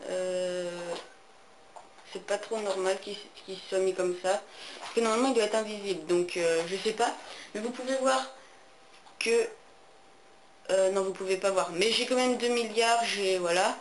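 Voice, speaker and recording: A man's voice: high-pitched, measured pace, long pauses. A teenage boy explaining console steps in a tutorial, speaking hesitantly with many fillers. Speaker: gaming tutorial maker. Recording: echoey room, faint noise.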